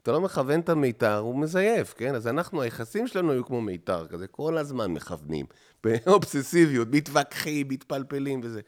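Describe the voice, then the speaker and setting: An Israeli man, a musician guest on a casual podcast, telling stories and acting out other people's lines. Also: mid-range voice. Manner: animated storyteller who acts out other people's lines.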